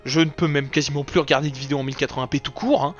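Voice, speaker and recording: A man's voice: a little high, fairly even intonation, racing, muffled recording, faint music behind. A young man in a casual, joking channel recap, full of slang. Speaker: YouTube gaming creator. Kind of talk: casual anniversary recap video.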